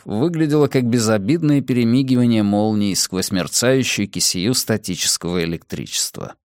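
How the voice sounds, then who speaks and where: Dry, measured male audiobook narrator. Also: mid-range voice, no room sound. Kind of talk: scripted narration.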